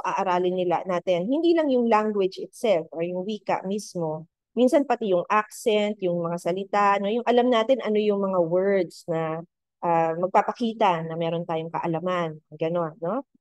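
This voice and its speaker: A woman's voice: medium pitch, a little mellow, dry recording. A woman with a Filipino accent giving a university lecture, mixing English into her talk and ending phrases with questioning tags. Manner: code-switching, frequent "no?" tag questions.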